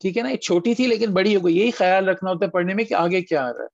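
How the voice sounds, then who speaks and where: High gravelly-voiced male tajweed teacher, patient, dull lo-fi call sound. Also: dry recording. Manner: patient, asks students questions, drawn-out model words. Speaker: Quran recitation teacher. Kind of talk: online tajweed class. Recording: dull lo-fi online call audio.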